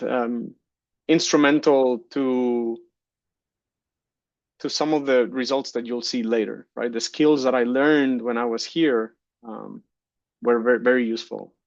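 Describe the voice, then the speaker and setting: Man from Guatemala, 30s, keynote speaker; mid pitch, dry, dull call audio. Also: gravelly, no room sound. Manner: relaxed, many fillers and restarts. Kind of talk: conference keynote talk. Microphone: computer mic on a video call.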